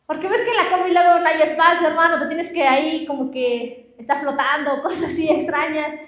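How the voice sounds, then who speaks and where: A woman's voice: high voice, steady tone, a little fast, a bit bright, roomy sound. A young woman preaching a sermon and telling personal stories, often addressing the congregation. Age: young adult. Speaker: pastor. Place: church.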